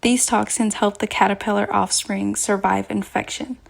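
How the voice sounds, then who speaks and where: Woman doing scripted explainer narration, talks right at you, kinda creaky voice. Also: medium pitch, fairly even intonation, normal speed. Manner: explanatory, addresses the listener directly. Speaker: presenter.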